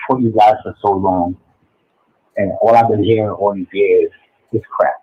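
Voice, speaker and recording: A man in his forties calling into a show over a muffled, low-quality phone line that sounds underwater, rambling and hard to follow. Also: fairly even intonation, normal speed, slightly rough, no room sound. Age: 40s. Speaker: caller. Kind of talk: call-in show chat.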